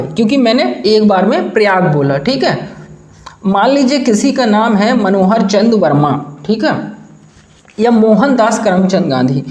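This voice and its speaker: A man's voice: high voice, a little mellow. A man with an Indian accent teaching English grammar, asking questions and answering them himself, often saying "theek hai" as he checks in. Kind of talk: classroom explanation. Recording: echoey room.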